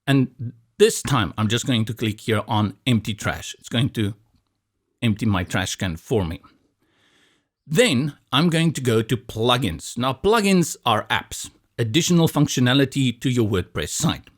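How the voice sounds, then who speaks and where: In this screen-recorded software tutorial, the instructor, a South African man with Afrikaans as his first language, speaks at a medium pitch and an unhurried pace. He explains each step calmly in his South African accent, adding touches of light humor.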